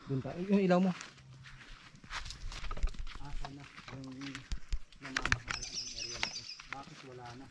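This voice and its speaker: A man's voice: medium pitch, normal speed, long pauses, background noise. Uneasy man murmuring on a forest hike. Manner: uneasy, murmurs short remarks. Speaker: local guide on a hike. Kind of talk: casual chat. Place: outdoors in a forest.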